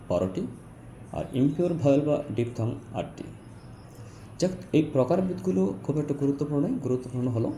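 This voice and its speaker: Male teacher, mellow and animated, addresses learners directly and drills example words slowly; faint background noise. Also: mid-range voice. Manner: explains step by step, repeats example words slowly. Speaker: English pronunciation teacher. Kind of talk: Bengali-language phonetics lesson.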